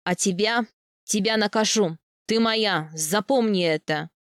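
A woman's voice: mid-range voice, measured pace, no echo, clean studio sound, natural voice. A woman voicing a young steppe man, a proud and possessive husband who speaks curtly through his teeth. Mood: stern. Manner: curt, through gritted teeth.

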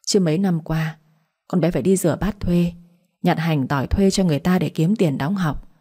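A woman's voice: fairly low pitch, normal speed, dark tone, slightly rough. A woman voicing a middle-aged father who pleads and reproaches his wife. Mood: pleading. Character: aggrieved middle-aged father, patient then angry.

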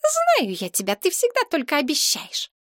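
A woman voicing a bratty, greedy bleached young woman in an audiobook, squeaky and capricious. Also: sing-song, moderate pace, no room sound, clean studio sound. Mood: defiant. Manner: shrill and capricious.

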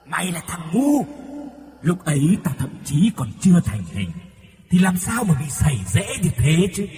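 A man's voice: a little high, darkish tone, big-room sound, slight background noise. A man voicing the vengeful spirit of an unborn child possessing an old woman, snarling and cackling.

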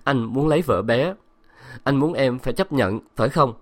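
A man voicing a distraught young wife who speaks in a high, strained, tearful way. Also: expressive, normal speed, lightly acted. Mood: sobbing.

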